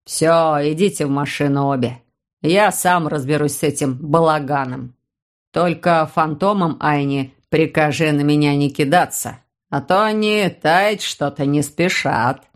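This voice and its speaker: Audiobook: woman reading as a steady, low, grumbling warlock uncle, dry and reasoning. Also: unhurried, gravelly. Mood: calm.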